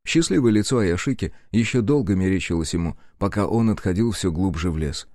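A male narrator reads an audiobook with measured, even storytelling. His voice sits on the low side, and the recording is close and dry. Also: no echo. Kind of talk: scripted narration.

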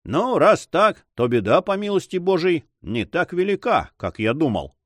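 A man voicing an excitable, easily discouraged male sailor who complains and exclaims. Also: on the high side, normal speed, no room sound, studio quality, voice pushed up.

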